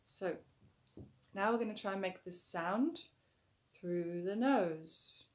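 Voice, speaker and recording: Speaking at a medium pitch, a woman whose voice is a little rough walks through a yoga breathing technique in a calm, teaching tone. She sometimes stretches her words slowly and goes quieter while cueing the breath.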